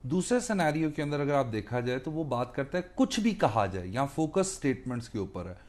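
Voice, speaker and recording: A law teacher and mentor with a Pakistani accent gives an explanatory legal lecture in a medium-pitched, slightly mellow voice. He speaks fairly quickly in a sing-song way, emphatically repeating key phrases and mixing Urdu with English.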